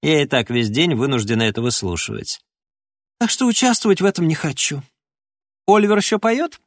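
A man's voice: on the high side, animated, a little fast, dry recording, clean studio sound, pitched above the performer's own voice. A man voicing a weary, exasperated young woman in an audiobook. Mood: fed up. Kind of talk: audiobook character voice.

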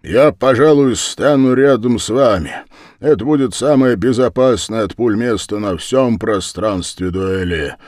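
A man doing a booming old host. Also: a little slow, darkish tone, no room sound, clean studio sound, close to an everyday voice. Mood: gruff. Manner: booming and thundering. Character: old booming male host, hot-tempered but kindly.

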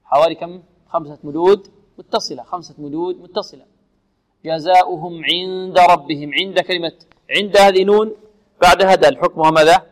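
A man's voice: high-pitched, steady tone. Man teaching recitation, long reverb. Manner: demonstrates words by repeating them slowly, asks students questions. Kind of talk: tajweed lesson for students.

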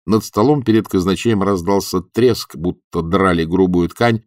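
A man narrating an audiobook in an expressive, wry manner. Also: low-pitched, normal speed, no echo, studio quality.

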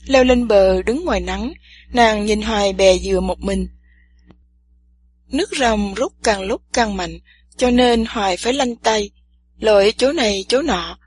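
A woman narrating a story gently and evenly. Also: mid-range voice, slightly rough.

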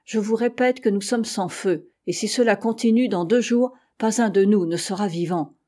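A woman's voice: medium pitch, normal speed, warm tone, close to an everyday voice. Woman reading as a cold, ironic first mate. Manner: coldly ironic. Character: cold, resolute male ship's mate.

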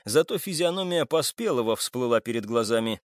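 A male audiobook narrator reading with a lively, swinging pitch. The sound is dry and close, with no room around it. His pitch sits in the middle range. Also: a little fast, dry recording. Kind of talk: scripted narration.

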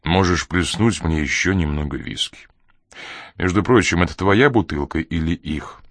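A man voicing a calm, cynical hired man in an audiobook, curt and mocking. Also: sits low, normal speed, dry recording, clean studio sound. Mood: dismissive.

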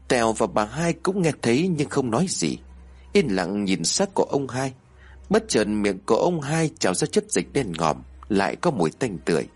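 Male horror narrator, low husky voice, lively pitch. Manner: expressive, dramatic storytelling.

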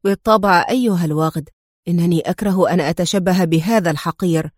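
A woman's voice: lowish voice, quick pace, no echo, studio quality, voice pushed down, natural voice. A woman voicing a cold, menacing male agent. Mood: menacing calm. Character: stern tough male secret agent hero.

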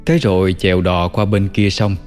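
A man narrating an old folk tale in a calm, measured way. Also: deep voice, big-room sound, faint music behind. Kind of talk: storytelling narration.

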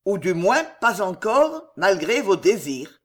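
A reader voicing a calm, defiant young nobleman who speaks with firm, cold warning in an audiobook. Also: mid-range voice, slow. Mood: coldly defiant.

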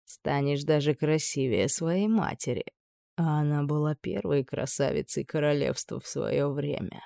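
Brief: woman reading as sinister male judge, slow, hushed, dry close sound. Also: vocal fry, no room sound. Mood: menacing, purring. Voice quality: low, purring, insinuating. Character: menacing scheming middle-aged male high judge.

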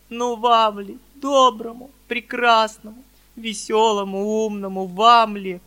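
A man's voice: high voice, clean tone. A man putting on a fiery young girl. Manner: shouting, indignant, tearful pleading. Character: fiery outspoken young girl defending her father.

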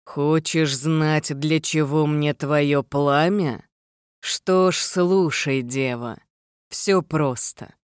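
A reader voicing a grandiose male shadow spirit lord who declaims slowly and pompously in an audiobook. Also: a little high, fairly even intonation, smooth, no echo, clean studio sound.

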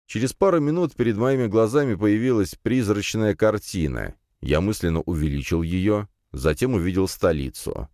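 A man narrating a fantasy audiobook in an expressive, lively reading style. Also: on the low side, normal speed, hardly any pauses, no echo, clean studio sound.

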